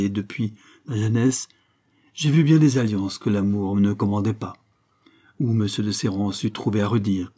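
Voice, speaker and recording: A man voicing a gentle, tearful elderly noblewoman and grandmother in an audiobook, speaking with soft, earnest pleading. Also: fairly low pitch, husky.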